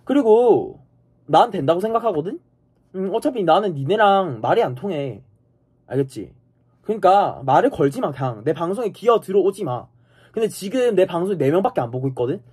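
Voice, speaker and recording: Guy streamer cussing out his chat, husky voice, pitch jumping all over the place. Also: sing-song, brisk, a little mellow. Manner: angry, profane, insulting viewers; repeats a challenging "eh?". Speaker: live streamer.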